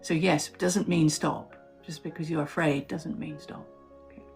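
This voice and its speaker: A woman talks through a live stream in a low, easy register. She muses and tells her own story, pausing on fillers, with faint music behind her. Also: steady tone, creaky, darkish tone. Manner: reflective, storytelling, with frequent fillers. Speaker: author hosting a live stream. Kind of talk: casual live-stream talk.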